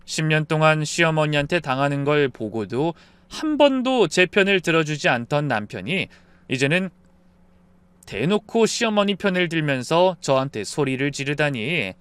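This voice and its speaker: A man's voice: a little high, big pitch swings, normal speed, a bit bright, clean tone, dry recording. Brief: male storyteller, subdued scripted narration, dry close sound.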